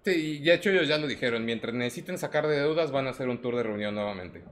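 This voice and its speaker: Mexican man telling animated pop-culture stories. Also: fast talker. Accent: Mexican Spanish. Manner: animated storyteller, acts out quotes in a higher voice. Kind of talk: casual chat about music cameos.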